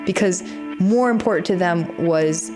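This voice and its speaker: Low-voiced young woman, emphatic storyteller. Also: unhurried. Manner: emphatic, incredulous. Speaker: show guest. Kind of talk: conversational personal storytelling. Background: faint music.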